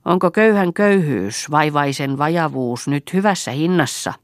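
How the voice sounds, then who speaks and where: Woman reader as a gruff old man with a wooden leg, harsh and loud. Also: low-pitched, lively intonation, no room sound, studio quality. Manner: harsh, barking. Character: gruff one-legged bearded old man.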